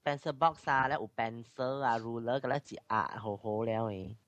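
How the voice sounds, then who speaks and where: A man's voice: medium pitch, moderate pace, dry recording. A man in casual chat, explaining things plainly and mixing in English words.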